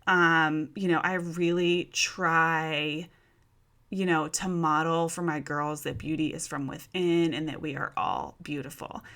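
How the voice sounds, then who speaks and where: Woman, 30s, podcast host, casual chatty talk, bright forceful voice, slightly low pitch. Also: steady tone, measured pace. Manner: chatty and informal, addressing listeners as "you guys" and "y'all".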